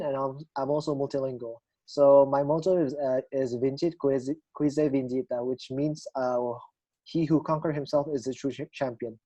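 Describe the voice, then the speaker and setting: A man's voice: medium pitch, mellow, no room sound, rough recording. A young man giving a hesitant, formal self-introduction in a student presentation. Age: young adult.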